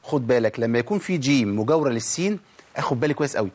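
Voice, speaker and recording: A man with an Egyptian Arabic accent teaching Quran pronunciation. He asks himself rhetorical questions and demonstrates sounds slowly, repeating them over and over. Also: medium pitch, lively intonation, darkish tone. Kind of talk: tajweed lesson.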